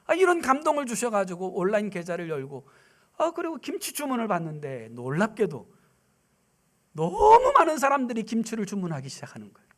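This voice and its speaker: A male guest pastor preaching a Sunday sermon in a church, telling stories emphatically and swinging between loud declarations and hushed near-whispers in a rhythmic, repetitive cadence. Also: high-pitched, huge pitch swings, brisk. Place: church sanctuary.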